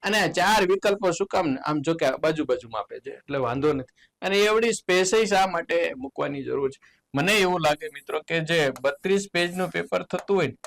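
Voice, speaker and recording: A man with a Gujarati accent teaching an exam solution lesson, explaining words slowly, spelling out letters and tossing in playful asides. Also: gravelly, low-quality recording. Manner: lively, jumps in pitch on key words. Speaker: English teacher.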